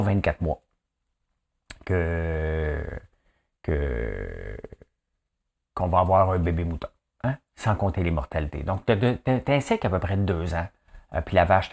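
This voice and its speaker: A low-voiced Québécois man talks through the daily news in a loose, chatty way. His pitch swings up and down as he jokes and wanders into asides, full of fillers. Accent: Québécois French. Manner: chatty and animated, joking asides, many fillers. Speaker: host of a daily news commentary show. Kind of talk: casual news commentary. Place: rural home in the countryside.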